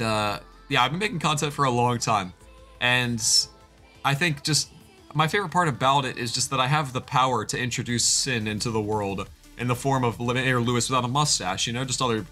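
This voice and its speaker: Give me a rambling male streamer in his twenties, stuffy nose, bright forward tone. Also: medium pitch. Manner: rambling, chatty, thanks chat by name. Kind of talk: casual live-stream chat.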